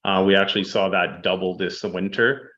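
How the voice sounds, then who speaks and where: A man presenting statistics to a city council, steady and fact-heavy, with frequent ums. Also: low-pitched, moderate pace, lo-fi sound. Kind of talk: public presentation. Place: council chamber.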